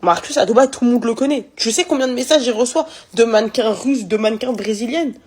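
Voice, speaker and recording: A young woman rattles through a gossipy storytime vlog, talking straight to her viewers. Her voice is husky and a little breathy, and she speaks very fast with lively energy. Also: on the high side. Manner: animated gossipy storytelling, addresses the viewers directly. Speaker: influencer telling a story.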